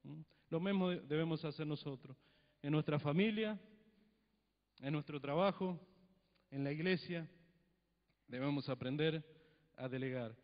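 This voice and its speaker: A middle-aged Cuyo Argentine preacher from Mendoza has a voice on the high side and talks a little slowly, pausing often. Holding a handheld mic in a church hall, he delivers a conversational sermon with frequent tag questions and acted-out dialogues. The recording is dull and lo-fi, with long hall reverb.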